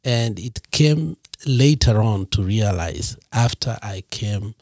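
A man with a husky, slightly low voice tells his own life story as a podcast guest. He speaks in an earnest, reflective way. The sound is dry and close. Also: expressive, slow pace, a little mellow, no room sound. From Kenya.

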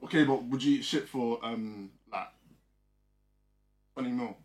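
A man's voice: medium pitch, unhurried. A young man with a London roadman accent, hosting a podcast with casual banter in street slang. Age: young adult. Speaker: podcast host.

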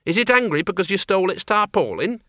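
A man voicing an anxious, bossy older farm woman, high-pitched and sharp. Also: very animated, quick pace, dry recording, clean studio sound, exaggerated voice. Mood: fretful.

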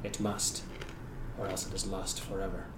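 A man voicing a grave Shadar-Kai warrior, formal, measured and portentous, in a tabletop game. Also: low-pitched, completely flat delivery, close to an everyday voice. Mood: solemn. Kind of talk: tabletop game character acting. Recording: roomy, distant mic with background noise.

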